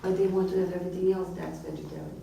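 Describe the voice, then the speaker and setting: Her voice is low, steady, gravelly and mellow, and she races through her words as a casual interview guest. The restaurant owner is in her forties, speaks Russian natively, was born in Azerbaijan, and grew up in Israel and America. It's recorded on a distant mic in an echoing room with faint noise.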